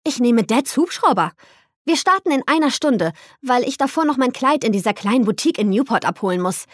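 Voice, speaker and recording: A woman voicing a rich, warm-hearted young woman who talks eagerly and sincerely, a little higher than her narration. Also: lively intonation, brisk, dry recording, studio quality. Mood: matter-of-fact.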